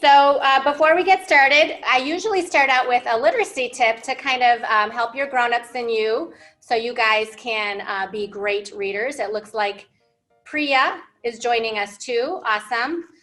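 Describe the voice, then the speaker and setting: Soft music plays in the background as a library children's storytime host speaks at normal speed in a highish, bright, forceful voice. Seated at a whiteboard in an indoor library room, the American woman in her thirties asks young English learners questions using simple, encouraging, teacherly language.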